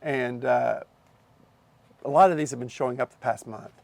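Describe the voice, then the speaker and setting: A man's voice: mid-range voice, fairly even intonation, normal speed, vocal fry, darkish tone, no echo. A man running a camera shop, chatting casually in a rambling way, repeating himself and restarting.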